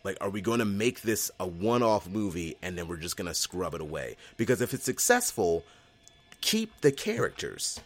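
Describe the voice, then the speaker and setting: A man hosting a casual podcast chat, excitable and quick to laugh, with lots of ums. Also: deep voice. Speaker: podcast host.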